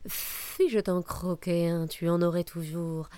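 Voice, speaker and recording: Woman doing a slow sly snake, coaxing, storybook style. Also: on the low side, fairly even intonation, warm tone, no echo.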